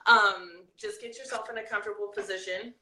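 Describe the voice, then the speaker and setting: A life coach hosting a live video speaks to her viewers in a bright, forceful, medium-pitched voice, lively as she reads comments aloud. She then slows into a soft guided breathing exercise. The echoey room makes her voice ring a little.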